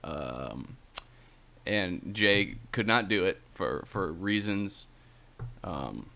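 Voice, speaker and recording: A man's voice: sits low, lively intonation, extremely slow, gravelly, bright, forceful tone. A man co-hosting a podcast in casual banter, rambling with frequent restarts and laughs. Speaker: podcast co-host.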